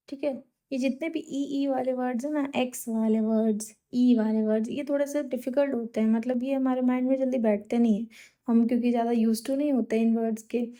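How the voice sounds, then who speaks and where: A woman's voice: on the high side, mellow. A woman with a Uttar Pradesh–Bihar Hindi accent teaching exam vocabulary in casual Hindi mixed with English, explaining patiently and often checking in.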